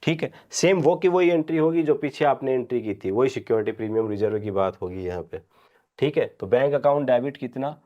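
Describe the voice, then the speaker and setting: Male commerce teacher in a revision lecture. Quizzes the class and answers himself, dictates entries slowly, word by word. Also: medium pitch, expressive, warm tone, highs cut off.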